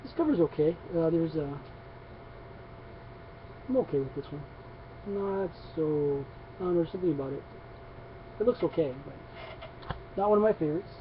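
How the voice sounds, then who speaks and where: Rambling man with a slightly high voice. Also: animated, moderate pace, long pauses. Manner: rambling, many restarts and fillers. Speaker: comics vlogger. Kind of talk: casual comic haul video. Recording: dull lo-fi sound with faint noise.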